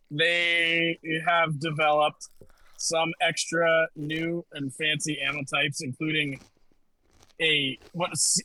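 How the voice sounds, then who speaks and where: Bright-voiced man pitching gear playfully. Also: poor audio. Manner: playful sales-pitch delivery, joking. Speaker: presenter of a weapon pick. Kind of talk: casual group chat on a voice call.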